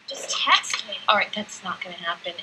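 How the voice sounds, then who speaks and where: A woman's voice: mid-range voice, expressive, normal speed, sharp tone, a little hiss or hum, poor audio. A woman speaking acted English TV dialogue in a replayed clip.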